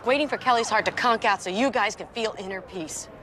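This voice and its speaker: A quick-talking, sarcastic young lawyer sister, blunt with her family, played by a woman. She talks fast and cuts in hard. Steady background noise sits under the film soundtrack. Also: medium pitch, close to an everyday voice. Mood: arguing.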